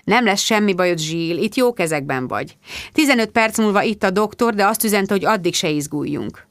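A woman voicing a calm, kindly man who reassures people in an audiobook. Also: medium pitch, no echo, clean studio sound, close to an everyday voice. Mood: reassuring.

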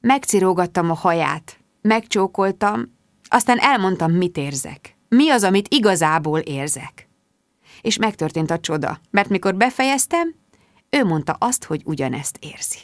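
A woman's voice: on the low side, lively intonation, no echo, studio quality. A woman reading a first-person audiobook in a confiding, wry manner. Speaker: audiobook narrator. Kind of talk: scripted audiobook narration.

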